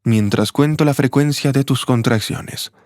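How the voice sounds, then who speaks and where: A man voicing an old hooded vagrant, a former doctor, speaking low, steady and instructive in a storybook reading. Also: measured pace, dry recording, studio quality, natural voice. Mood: calm, firm.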